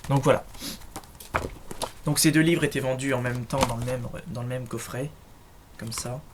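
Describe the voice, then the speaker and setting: This is a relaxed show-and-tell vlog from home, where a young man walks through his collection while stumbling over fillers and starting sentences over. He speaks at a moderate pace in a mid-range voice, with fairly even intonation, against faint background noise and clicks.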